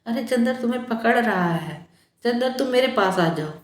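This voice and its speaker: A woman voicing a feverish dying young woman who pleads softly and later cries out in delirium. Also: on the high side, expressive, normal speed, echoey room, pitched above the performer's own voice, natural voice. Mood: delirious terror. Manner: weak, pleading, turns frightened and delirious.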